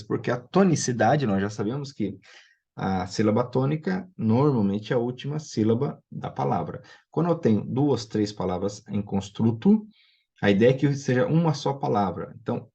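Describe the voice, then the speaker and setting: Man, teacher, patient explanations, husky voice, dull lo-fi recording. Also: mid-range voice, warm tone. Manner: patient, explanatory, checks in with students. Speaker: Biblical Hebrew teacher. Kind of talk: recorded online lesson.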